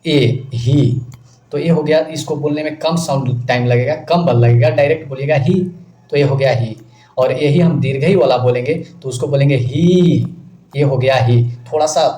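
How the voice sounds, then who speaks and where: Male exam-prep teacher, mellow tone, recorded in an echoey room with faint noise behind. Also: mid-range voice. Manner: repeats questions to the class, often asks "clear?". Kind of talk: exam-prep grammar lesson.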